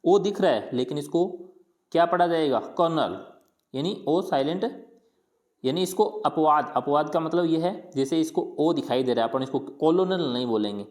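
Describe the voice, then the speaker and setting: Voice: mid-range voice, normal speed, a little mellow. Patient teacher drilling pronunciation. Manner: asks a question, then answers it with repetition; colloquial, patient drilling of words. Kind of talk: explanatory lesson.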